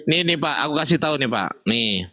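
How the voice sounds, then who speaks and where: A man's voice: on the high side, lively intonation, brisk, bright, forceful tone, muffled recording. A man hosting an online religious debate, teasing and mock-soothing his guest with baby talk. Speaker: host.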